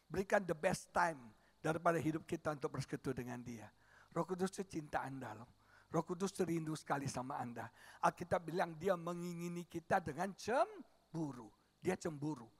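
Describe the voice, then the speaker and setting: A middle-aged man, preaching a sermon as a pastor. He is animated and tells stories, swinging from soft to loud. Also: fairly high pitch, brisk, slightly rough. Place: church stage.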